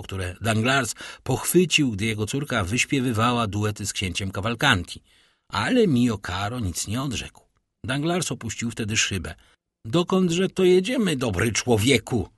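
Male audiobook narrator, husky, expressive storyteller, dry close sound. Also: mid-range voice, no echo. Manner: expressive storytelling with vivid intonation. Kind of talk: scripted narration of a classic novel.

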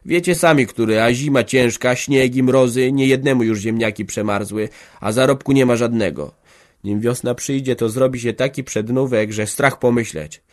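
A man's voice: medium pitch, moderate pace, pitched above the performer's own voice, lightly acted. A man voicing a stubborn, hard-hearted old peasant farmer who speaks harshly and emphatically in an audiobook. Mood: sharp, grim. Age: older. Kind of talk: audiobook character voice.

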